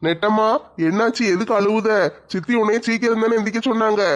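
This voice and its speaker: A man's voice: high voice, fairly even intonation, fast. A man playing an easygoing relative in a comic skit. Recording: dull lo-fi audio.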